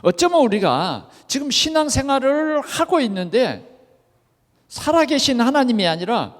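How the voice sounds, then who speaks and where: A male pastor delivers a sermon, his fairly high voice leaping up and down in pitch. He asks the congregation rhetorical questions and keeps dropping in a quick yes. The sound carries a long reverb from the church hall. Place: church sanctuary.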